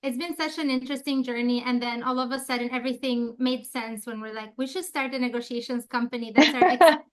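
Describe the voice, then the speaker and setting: A woman's voice: high-pitched, a little fast. A woman from Albania, a negotiations expert, talking as an interview guest in a friendly, eager way.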